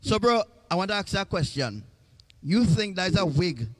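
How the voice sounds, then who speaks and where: A man's voice: sits high, big pitch swings, normal speed. A man hosting a livestream, chatting casually and joking with lots of repetition. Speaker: livestream host.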